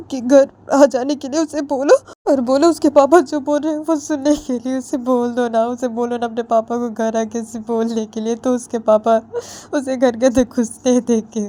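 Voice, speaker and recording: A woman's voice: fairly high pitch, dark tone, pitched above the performer's own voice, natural voice. A woman playing a weeping, pleading mother. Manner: pleading, repeating herself.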